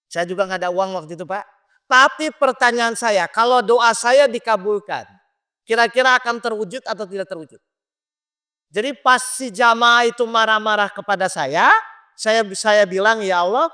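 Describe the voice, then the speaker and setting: Bright, high-voiced male preacher. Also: smooth. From Indonesia. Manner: addresses listeners directly with questions. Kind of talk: sermon. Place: mosque.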